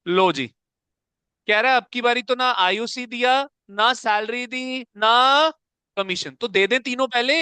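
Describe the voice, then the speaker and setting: A man lectures in a classroom, his voice high and bright with a crisp, clean edge. He coaxes the students along and keeps asking if they follow. The sound is dry and close. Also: measured pace, dry recording. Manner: coaxing, calls students "beta", keeps asking if it is clear. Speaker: accounts teacher.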